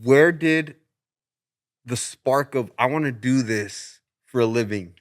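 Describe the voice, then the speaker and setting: Guy host asking questions, mid pitch, short and to the point. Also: slow pace. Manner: brief backchannel, prepared questions. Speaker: podcast host. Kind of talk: interview questions.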